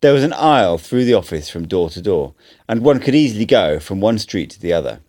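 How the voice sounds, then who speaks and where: A man with a fairly low voice tells a first-person story, his pitch rising and falling widely. He's an amateur audiobook reader, and his delivery is expressive, dramatic, and fairly quick.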